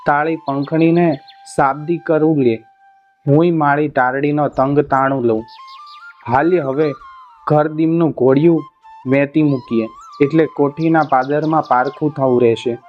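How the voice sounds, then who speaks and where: A man's voice: fairly high pitch, fairly even intonation, a little slow, close to an everyday voice. A man voicing a bold, crafty middle-aged horseman who gives orders in a rustic village way. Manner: rustic, commanding village dialect. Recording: muffled with faint music behind.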